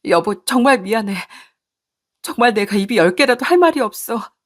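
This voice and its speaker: A woman's voice: medium pitch, animated, normal speed, natural voice. A woman voicing a flustered, guilty wife who stammers and pleads. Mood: flustered, pleading. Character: flustered wife caught cheating, begging.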